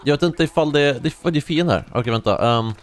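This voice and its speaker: A young man giving casual let's-play commentary, chatty and slangy, telling stories excitably while he plays. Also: a little high. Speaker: gaming YouTuber.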